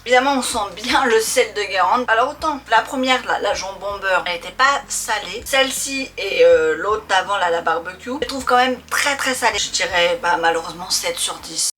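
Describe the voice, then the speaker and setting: A mid-range, sharp-toned woman hosts a snack-tasting video at normal speed with few pauses, soft music playing behind her. She chats informally and playfully, calling viewers by pet names.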